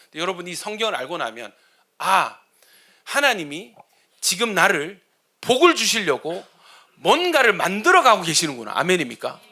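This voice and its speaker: Animated, bright-voiced male pastor preaching. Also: high voice, moderate pace. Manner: animated, asks the congregation questions; humorous storytelling. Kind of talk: sermon.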